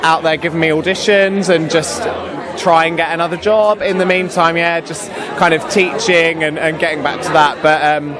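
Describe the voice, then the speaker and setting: A man's voice: a little high, steady tone, moderate pace, a crowd in the background. A young British man, an actor, chatting casually and enthusiastically in an interview. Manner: enthusiastic, gushing. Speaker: pantomime actor and singer.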